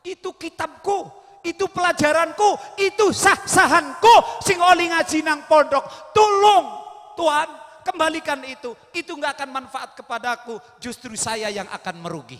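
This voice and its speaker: A man's voice: extremely high pitch, moderate pace, fairly bright tone, long reverb tail, voice pushed up. A man voicing a weeping young male scholar who begs robbers to return his books, with a wailing, pleading manner.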